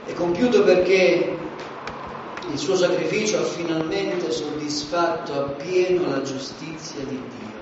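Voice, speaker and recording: A man preaching a sermon, emphatic, swinging between loud declarations and hushed asides, in a church hall. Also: a little high, steady tone, measured pace, noisy background. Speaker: pastor. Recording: echoey hall, distant mic, dull sound.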